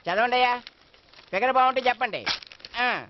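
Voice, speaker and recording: An actor playing a cheeky office clerk who teases a colleague. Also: male voice, very high voice, lively intonation, moderate pace, muffled recording, background noise. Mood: teasing. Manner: teasing, wisecracking.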